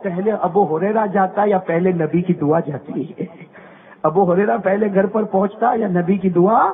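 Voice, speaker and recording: A man with a very high voice delivers a fervent storytelling sermon. He repeats his lines and climbs into shouts as he calls on his listeners to answer him. The sound is thin and tinny, as if it came down a phone line. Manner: fervent and repetitive, often rising to shouts and calling on listeners to respond. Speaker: preacher.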